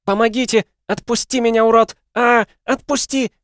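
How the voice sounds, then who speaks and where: A man voicing a hysterical, jealous young woman who shrieks accusations in a shrill voice, in an audiobook. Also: steady tone, moderate pace, fairly bright tone, no echo, clean studio sound. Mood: screaming furious. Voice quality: shrill, screaming.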